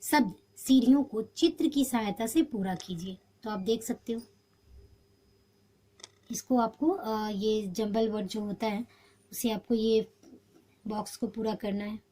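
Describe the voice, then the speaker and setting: Patient woman teacher, mellow voice. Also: a little high, unhurried, long pauses. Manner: patient, explains step by step. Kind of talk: homework walkthrough lesson.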